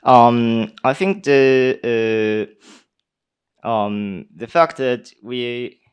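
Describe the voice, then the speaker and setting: This is a twenty-something Japanese university student with a posh British accent, drawing out his words in a clean, medium-pitched voice. After giving a speech in a conference hall, he takes questions, answering hesitantly with many fillers.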